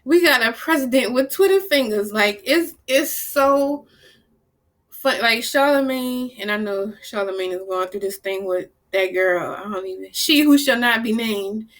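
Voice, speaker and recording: Animated New woman telling stories. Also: a little high, unhurried. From New Orleans, US South. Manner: animated storyteller, acts out quoted people, blunt and salty. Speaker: vlogger. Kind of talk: casual chat to camera.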